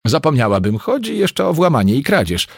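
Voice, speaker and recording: Pushy chatterbox waitress, young woman, high and loud, played by a husky-voiced male reader for an audiobook. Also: sing-song, no echo, clean studio sound, heavily acted. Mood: insistent. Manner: rapid, insistent and overfamiliar.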